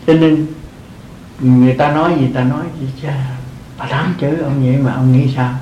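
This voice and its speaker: A man's voice: medium pitch, steady tone, moderate pace, reverberant, highs cut off, slight background noise. An older man, a monk, giving an earnest dharma talk to lay followers, repeating his phrases and chuckling often. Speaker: Buddhist monk teaching.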